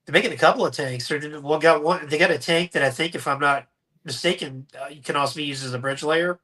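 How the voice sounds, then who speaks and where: A man's voice: a little high, fairly quick, sharp tone. A man co-hosting a casual live stream about toys, rambling and joking with plenty of fillers and restarts. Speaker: co-host.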